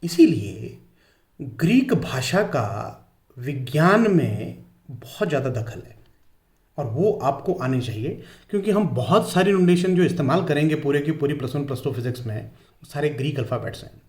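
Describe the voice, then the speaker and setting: Lively intonation marks this Hindi-speaking physics teacher, whose voice is on the high side and a little mellow. He lectures his class in an echoey room, taking his time and carefully stressing how each English word is pronounced.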